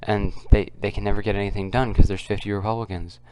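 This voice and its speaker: A man hosting a casual, unscripted commentary video, keeping his voice quiet and subdued and talking in a halting, repetitive way. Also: on the low side, little pitch movement, noisy background. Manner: kept quiet, subdued because others are nearby. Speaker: political commentary video host. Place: at home, others nearby.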